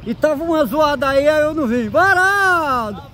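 An amateur vlogger from the interior of Pernambuco, Brazil, chats casually and teasingly in a Northeastern accent while filming an outdoor market and town streets, throwing out slangy exclamations from behind his phone camera. His voice is extremely high, bright, forceful, and expressive at a moderate pace. The market crowd, street noise, and vehicles make for a noisy recording.

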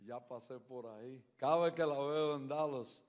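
A man preaching a sermon with stories, switching between loud declarations and quiet, conversational telling. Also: mid-range voice, moderate pace, long reverb tail. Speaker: pastor. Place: large church hall.

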